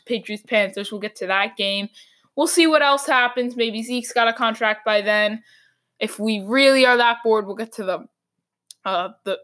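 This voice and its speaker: A woman hosting a solo sports talk podcast, ranting with strong opinions, her voice going hoarse. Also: a little high, fairly bright tone.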